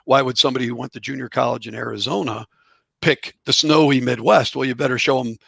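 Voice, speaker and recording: Middle-aged male interview guest, gravelly, chatty storyteller, dry recording. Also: mid-range voice, fairly even intonation, fast talker, fairly bright tone, no room sound. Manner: chatty, rambling anecdotes with chuckles. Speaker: guest, author and former college outfielder. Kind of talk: relaxed storytelling in a podcast interview.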